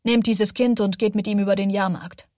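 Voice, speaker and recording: A woman's voice: mid-range voice, fairly even intonation, fairly quick, darkish tone, no room sound, studio quality, close to an everyday voice. Woman reading a cold, curt male official. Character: tall stern male official, cold, bureaucratic.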